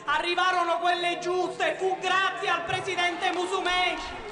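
A woman's voice: extremely high pitch, level tone, a little slow, crowd noise, background noise. A woman from Sicily, a member of parliament, giving an emphatic, combative speech in a parliament chamber. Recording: echoey chamber.

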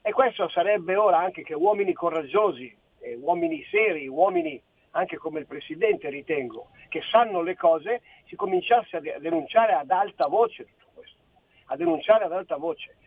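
A man's voice: high-pitched, sing-song, normal speed, creaky. A man in his sixties from Friuli Venezia Giulia, a caller phoning in to a radio show, rambling and indignant and repeating himself. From Friuli Venezia Giulia, Italy. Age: 60s. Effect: phone-in caller on a radio show. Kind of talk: heated political phone-in. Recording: tinny phone line.

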